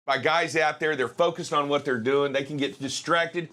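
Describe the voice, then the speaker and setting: Bright-voiced animated male talk show host. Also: a little high, moderate pace. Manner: animated, exclaims and acts out reactions. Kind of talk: casual live talk show chat.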